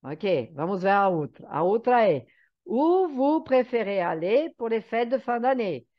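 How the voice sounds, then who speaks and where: A woman's voice: fairly high pitch, very animated, a little slow. A woman who is a teacher giving an online lesson, explaining patiently and often checking that her students follow. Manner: explanatory, checks understanding with frequent "tá?". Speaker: French teacher. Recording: slightly dull lo-fi sound.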